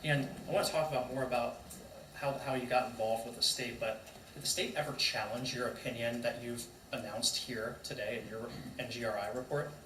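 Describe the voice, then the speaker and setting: A man questioning a witness in court as an attorney, brisk and pointed, in a courtroom recording. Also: medium pitch, steady tone. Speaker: defense attorney. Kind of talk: courtroom cross-examination. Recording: distant echoey courtroom mic with noise.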